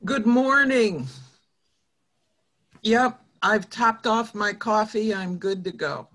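A woman taking notes in a meeting over a video call, cheerful and unhurried. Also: mid-range voice, fairly bright tone. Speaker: meeting note-taker. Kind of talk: casual video-call chat.

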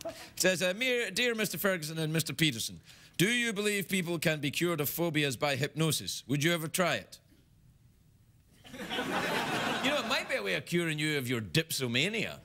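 A man's voice: fairly high pitch, very animated, normal speed, pauses often. A middle-aged man hosting a late-night talk show, reading viewer mail with playful, mock-serious banter. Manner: playful, mock-serious, jumps between silly voices. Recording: loud background noise.

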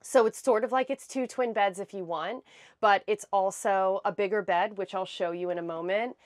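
In clean studio-like sound with no echo, a young adult American woman at medium pitch and moderate pace chats her way through a tour of a small camper van. She's wearing a clip-on lapel mic and keeps it casual and explanatory.

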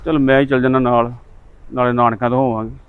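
A man's voice: medium pitch, flat delivery, quick pace, smooth, dry recording, narrow, tinny audio. A man in a family drama, teasing and joking while trying to settle a quarrel. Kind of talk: Punjabi family drama acting.

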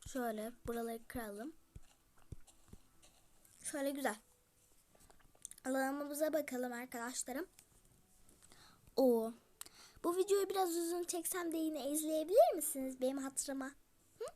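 A woman's voice: high-pitched, unhurried, long pauses, warm tone. A female YouTuber giving chatty game commentary, talking straight to her viewers and slipping into whispered asides. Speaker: gaming YouTuber.

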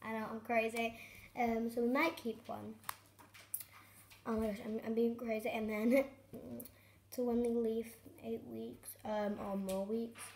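A woman vlogging at home, chatting excitedly to camera in a rambling way with many fillers. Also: a little high, a little slow, gravelly. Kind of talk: casual chat to camera. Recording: echoey room with faint noise.

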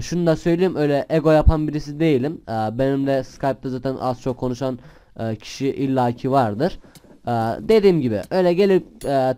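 Young man, gaming vlog host, casual rambling talk, smooth voice, slightly high. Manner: chatty and rambling, bursts into shouted swearing at other players. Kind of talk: casual gameplay commentary.

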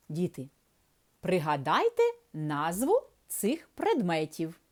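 A woman teaching a reading lesson to small children in a slow, sing-song teacher voice. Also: on the low side. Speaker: preschool teacher. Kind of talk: early-years reading lesson.

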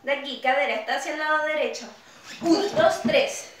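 A woman's voice: high voice, normal speed. A woman teaching an online dance class, counting beats aloud and calling out cues over the music, recorded from a distance in an echoey room. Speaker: dance instructor. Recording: roomy echo, distant mic, loud music. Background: loud pop music.

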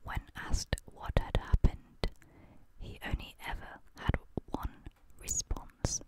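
Hushed whispering young woman, ASMR storyteller. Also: slow pace. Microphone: close studio microphone.

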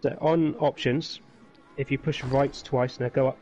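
A man, calmly guiding a friend through game settings step by step during a co-op stream. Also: mid-range voice, a little slow, dull audio, faint music behind. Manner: patient, explaining step by step. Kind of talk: casual game chat over voice call.

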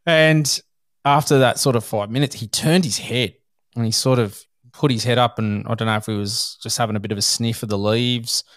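An Australian man hosting a podcast, telling stories in a casual, animated way and chuckling as he goes. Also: mid-range voice, normal speed, no room sound, studio quality. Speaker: podcast host. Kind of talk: casual storytelling chat.

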